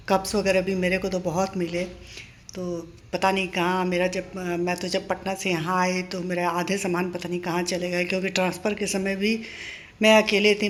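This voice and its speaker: An older woman chatting in a casual home vlog, reminiscing and encouraging her viewers. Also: fairly low pitch. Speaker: vlogger. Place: home in a paying-guest house.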